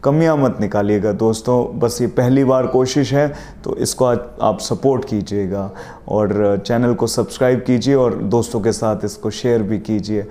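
A man's voice: fairly low pitch, moderate pace, dark tone. A man who made the film speaks earnestly to his viewers in a casual outro. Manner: earnest, appealing. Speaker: channel host and filmmaker.

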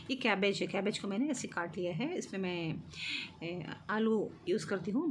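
A woman's voice: mid-range voice, noisy background. Chatty woman walking through home cooking. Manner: chatty, explains step by step, light laughs. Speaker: cooking vlogger. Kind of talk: casual cooking narration. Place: home kitchen.

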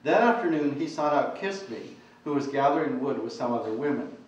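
A male author reading aloud from his novel in a measured storytelling way. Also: mid-range voice, animated. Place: large room at a talk. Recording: echoey, distant, dull lecture recording.

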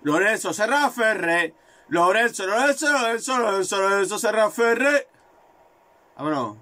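A man commentating his own football video game, excitable and swearing, repeating words in rapid bursts. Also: high voice. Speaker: gaming video creator.

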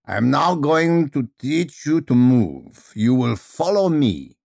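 A man voicing a commanding elderly woman movement teacher with a Russian accent, speaking slowly and theatrically. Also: medium pitch, sing-song, gravelly, darkish tone, no echo, studio quality, voice pushed up, full character voice. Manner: slow, theatrical, drawn-out vowels.

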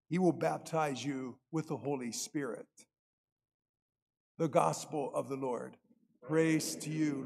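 Echoing older priest, higher-pitched man. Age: older, 60s or 70s. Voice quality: echoing cathedral sound. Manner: solemn, measured public delivery. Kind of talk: Gospel reading and homily. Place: large stone church, indoors. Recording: long echoing church reverb.

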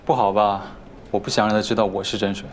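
A man's voice: on the low side, flat delivery, fast talker, slight background noise, close to an everyday voice. An actor in his twenties playing a mild, obliging young company heir and boyfriend in a TV drama, casual and accommodating. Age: 20s. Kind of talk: TV drama acting. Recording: background music.

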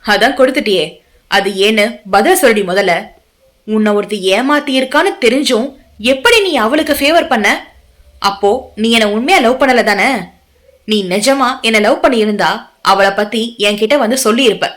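A woman's voice: fairly high pitch, moderate pace, long pauses, a bit bright, natural voice. A woman voicing a bitter, betrayed young husband who scolds harshly in an audio novel. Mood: furious.

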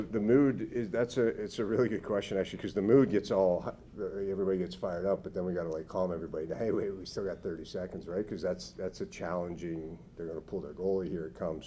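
Deep-voiced upbeat coach at a press table. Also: male voice, fast talker, few pauses, mellow, slight background noise. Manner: upbeat, talks in coaching phrases. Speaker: head hockey coach. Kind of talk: postgame press conference answers. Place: press room, seated at a table. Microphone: table microphone.

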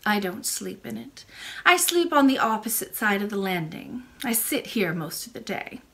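A woman voicing a very old, kindly and mysterious royal great-great-grandmother in a storybook, speaking in a calm, measured way. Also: medium pitch, gravelly, full character voice. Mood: serene. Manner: measured, gently assured.

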